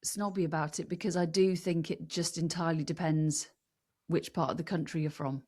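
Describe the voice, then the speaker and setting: Wry, opinionated woman, low voice. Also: fairly even intonation, brisk, a little mellow. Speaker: podcast co-host. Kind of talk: casual chat.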